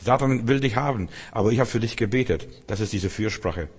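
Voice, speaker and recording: A man's voice: on the low side, brisk, slightly rough, in a large hall. A man preaching a sermon, earnest and repetitive, speaking directly to the listener.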